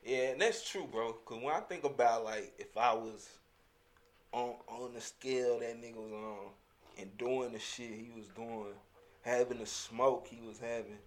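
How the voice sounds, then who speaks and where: A man's voice: mid-range voice, moderate pace. A man hosting a casual podcast conversation, talking in heavily slangy, profane street language. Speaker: podcast host.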